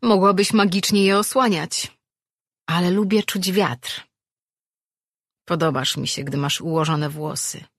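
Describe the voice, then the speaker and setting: A reader voicing a calm, gently teasing male companion, in a dry studio recording. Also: medium pitch, a little slow, pauses often, no room sound. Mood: gentle.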